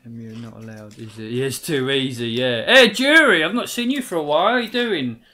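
A British man in his late thirties, hosting a relaxed retro gaming stream, chatty and quick to laugh. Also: medium pitch. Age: late 30s. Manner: chatty, laughs easily, rambling musings. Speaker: stream host. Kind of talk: casual chat while gaming.

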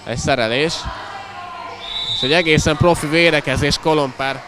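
A man giving excited live sports commentary in an animated way, exclaiming and calling out players' names. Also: fairly high pitch. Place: indoor school sports hall during a match. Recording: noisy echoing crowd, live match sound. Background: loud crowd and bouncing ball.

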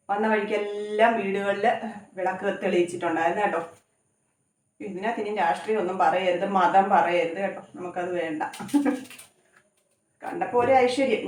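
Chatty woman in an echoey kitchen. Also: mid-range voice. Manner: rambling, conversational, often adds tag questions. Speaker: cooking vlogger. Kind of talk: chatty home cooking vlog. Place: home kitchen. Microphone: phone camera some distance away. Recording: echoey room, voice from far off.

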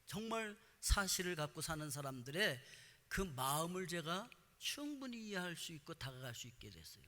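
A middle-aged man as pastor, giving a conversational sermon and telling stories in a lively way, often dropping short affirming words. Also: fairly high pitch, moderate pace. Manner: animated storytelling with frequent affirming interjections. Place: church sanctuary. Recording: reverberant hall.

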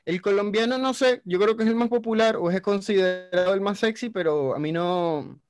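High-voiced Venezuelan man, slangy and animated. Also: normal speed, clear, resonant tone, no echo, clean studio sound. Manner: animated, slangy storyteller with swearing. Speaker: guest. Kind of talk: casual chat.

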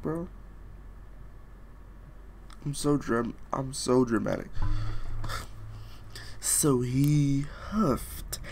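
Sitting near his webcam in a small room, a young man with a medium-pitched, slightly mellow voice reads a fairy tale for laughs, with a little hiss or hum in the recording. He peppers it with slang jokes and wandering riffs.

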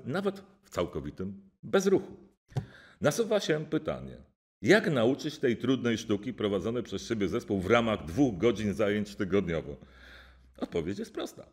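A man, a music professor, reading a formal academic lecture in a measured way with occasional hesitations. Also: mid-range voice, sing-song, husky. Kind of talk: read-aloud academic lecture.

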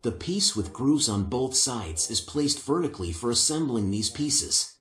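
An older man giving calm, patient, step-by-step woodworking instructions in a workshop, on a lapel mic. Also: mid-range voice, unhurried, roomy sound. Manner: calm, patient, methodical explanation.

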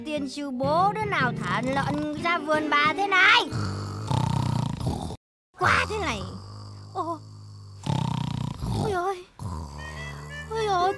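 A wailing old Northern village aunt. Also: female voice, extremely high pitch. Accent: Northern Vietnamese. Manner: wailing, melodramatic cursing. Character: scolding old village aunt, loud and dramatic. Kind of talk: stage comedy sketch. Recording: music playing underneath.

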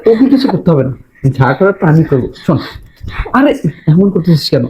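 A man playing a fast-talking, coaxing schemer. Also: fairly high pitch, sing-song, lo-fi sound. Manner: coaxing, insistent and hushed. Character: scheming young man luring a madwoman.

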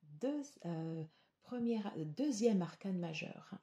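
A woman giving a tarot reading to her viewers, slow and hesitant with many fillers. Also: fairly low pitch, animated, dark tone. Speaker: tarot reader.

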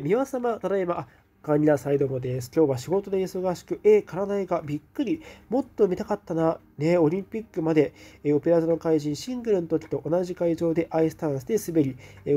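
Soft husky man hosting a live chat. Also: on the high side. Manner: soft-spoken, reads comments aloud and responds with frequent hums of agreement. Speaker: live stream host reading viewer comments.

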